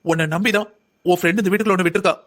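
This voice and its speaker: Man doing a stern young husband, high voice, quick talker, cartoon. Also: steady tone, fairly bright tone. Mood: indignant. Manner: stern, scolding. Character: young husband, indignant and upright. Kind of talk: cartoon voice acting.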